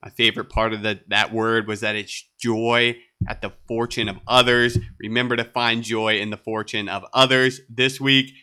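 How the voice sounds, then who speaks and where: A man hosting a solo podcast episode in a laid-back, upbeat way, sounding a bit nasal from a cold and often tossing in a quick "right?". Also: mid-range voice, little pitch movement, bright, forceful tone, smooth. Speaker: podcast host.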